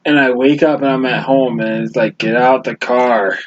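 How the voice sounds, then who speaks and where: A man's voice: medium pitch, fairly even intonation, normal speed. A man co-hosting a podcast in casual chat, laid-back, recalling a night out. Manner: laid-back, chiming in with short agreements. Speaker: podcast co-host. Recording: dull lo-fi audio with faint background noise.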